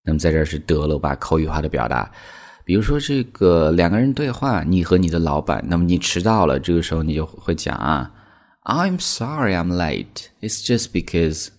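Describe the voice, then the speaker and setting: A man's voice: very deep voice, lively intonation, a little fast, a little mellow. A man teaching English in a chatty, explanatory way, filling his talk with small connecting words. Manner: chatty, explanatory, frequent "那么" fillers. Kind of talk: language lesson explainer.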